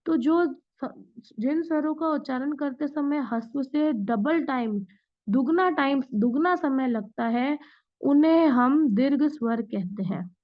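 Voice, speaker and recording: A woman's voice: high-pitched, animated, takes it slowly. Female teacher, online lesson, patient explainer, muffled call audio. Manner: patient, explains step by step with examples. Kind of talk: online Hindi grammar class. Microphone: video call. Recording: dull lo-fi online class audio.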